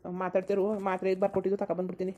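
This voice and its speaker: A woman voicing a grown daughter who briskly reassures her injured mother in a cartoon. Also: medium pitch, monotone, mellow, natural voice. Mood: reassuring. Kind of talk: cartoon voice acting.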